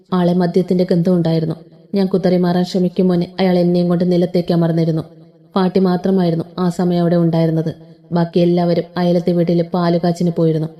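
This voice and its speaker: A woman narrating a first-person audio story in a steady, measured way. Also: on the low side, highs cut off.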